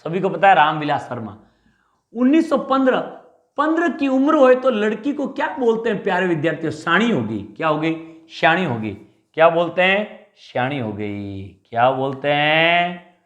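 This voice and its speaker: A man teaching a Hindi exam class, drilling memory tricks with animated repeated questions and answers. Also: sits high, normal speed, echoey room. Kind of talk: mnemonic lecture.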